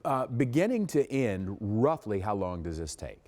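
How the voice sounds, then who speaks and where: A man's voice: on the low side, sing-song, moderate pace, a little mellow, big-room sound. A man hosting a lifestyle TV show, chatting casually and jumping in as he interviews guests. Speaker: TV show host.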